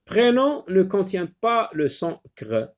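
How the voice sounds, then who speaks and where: A high-pitched, very animated male teacher gives young children a phonics lesson. Words get repeated several times over, with frequent hesitant fillers in the pauses.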